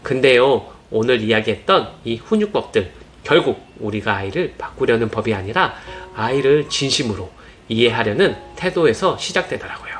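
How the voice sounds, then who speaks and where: A man giving earnest, gentle parenting advice in scripted narration. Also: medium pitch, animated, moderate pace. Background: soft background music.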